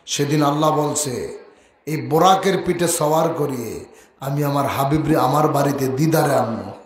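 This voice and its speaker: A man voicing a weeping, devoted heavenly steed that pleads and rises to high cries. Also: roomy sound, natural voice.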